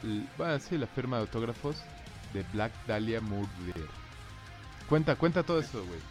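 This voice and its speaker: A man's voice: mid-range voice, animated, moderate pace. Teasing young Mexican man with music. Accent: Mexican Spanish. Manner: teasing, prodding. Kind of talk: casual chat among friends.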